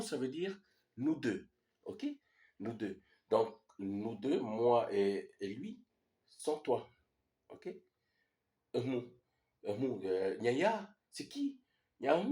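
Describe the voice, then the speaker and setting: New guy teaching his language, low mellow voice, bounces up and down a lot, keeps asking ok?. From New Caledonia. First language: Iaai. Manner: patient, repeats "ok?" to check understanding. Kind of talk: explaining a language lesson.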